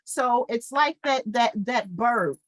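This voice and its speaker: A middle-aged woman co-hosting a casual podcast chat, animated and playful, acting out quotes in lively voices. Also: fairly high pitch, takes it slowly, no room sound, rough recording. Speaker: podcast co-host.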